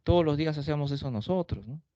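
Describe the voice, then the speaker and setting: A man's voice: on the high side, lively intonation, fast, dark tone, no room sound, voice pushed up, natural voice. A male teacher voicing arrogant young male suitors who scoff and mock. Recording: dull lo-fi dry recording.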